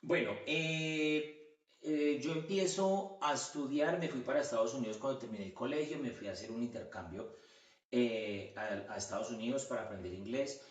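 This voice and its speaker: A man's voice: mid-range voice, moderate pace, far from the mic. A man from Colombia with a Colombian accent, chatting as a podcast guest, full of fillers and restarts. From Colombia, Quindío region. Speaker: guest, orthodontist. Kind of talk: casual interview chat. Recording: echoey room, voice a bit off-mic.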